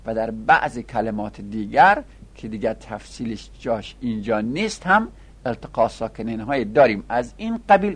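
Gravelly, husky man teaching grammar. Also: medium pitch. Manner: explains step by step, repeats word forms slowly. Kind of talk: seminary grammar lesson.

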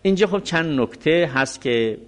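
A man's voice: on the high side, animated, fairly bright tone. A middle-aged man teaching a seminary class, reading passages from a legal text and explaining them step by step. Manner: explains step by step, reads Arabic text then restates it.

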